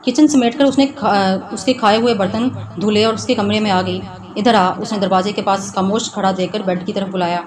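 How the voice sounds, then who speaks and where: A woman reading a romance novel aloud in a steady storytelling manner. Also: mid-range voice, hardly any pauses, crowd noise. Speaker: narrator. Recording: noisy background hiss.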